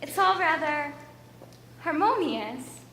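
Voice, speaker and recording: A woman's voice: sits high, expressive, slow pace, sharp tone, full character voice. A young woman acting a shy, self-doubting girl covered in ashes, in a school stage play. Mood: wondering. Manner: hesitant, emotional, self-doubting. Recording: distant, roomy stage hall with music.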